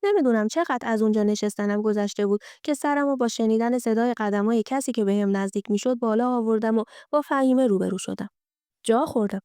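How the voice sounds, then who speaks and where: A woman tells a first-person life story in a smooth, mellow voice that sits a little high. The recording is close and dry, with no room sound. She reads at a steady, gentle pace. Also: no echo.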